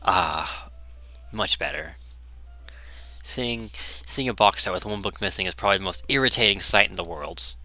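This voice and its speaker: A man's voice: fairly low pitch, fast talker, hardly any pauses, sharp tone, no room sound, soft background music. A man reading a visual novel aloud and commenting on it, often stumbling over words and restarting. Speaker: game player reading aloud.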